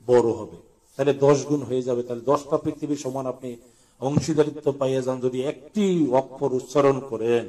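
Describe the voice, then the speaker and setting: A man teaching Quran letter pronunciation, slowly chanting drills between quick colloquial explanations. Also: mid-range voice, a little mellow, far from the mic.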